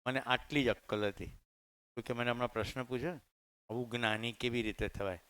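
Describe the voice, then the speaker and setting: A middle-aged man speaks with a clear, resonant voice and a Gujarati accent. He tells anecdotes conversationally to teachers in a training hall, speaking into a microphone. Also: medium pitch, fairly even intonation, a little fast, a bit bright. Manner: conversational, anecdotal, addresses audience directly. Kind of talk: storytelling talk to teachers. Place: training hall with live audience.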